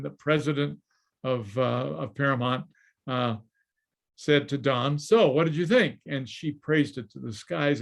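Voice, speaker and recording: A man's voice: mid-range voice, vocal fry. An older man telling showbiz anecdotes as an interview guest, chuckling and acting out the people he quotes over a video call. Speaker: guest, former studio story editor and screenwriter.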